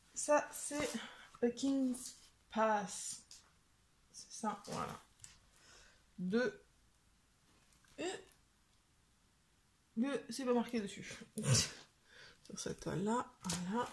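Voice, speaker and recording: A woman vlogger, casual and chatty, presents her collection with a fairly high voice. She speaks at an unhurried pace and keeps saying "hop" and "voilà". The room sounds echoey, with clear background noise. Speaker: craft vlogger. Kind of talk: casual show-and-tell vlog.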